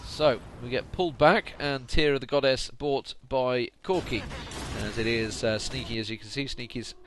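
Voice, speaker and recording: This esports commentator sounds tired while delivering chatty, meandering solo play-by-play of a video game late at night, often fixing his own words. His medium-pitched voice keeps a moderate pace. Steady background noise sits under it.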